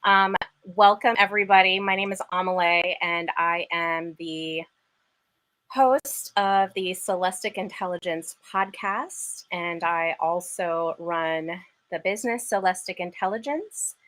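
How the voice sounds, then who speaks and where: A woman's voice: lowish voice, unhurried, fairly bright tone, poor audio. A woman hosting a live podcast, chatting enthusiastically with her guest. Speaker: podcast host. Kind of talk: casual live-stream interview.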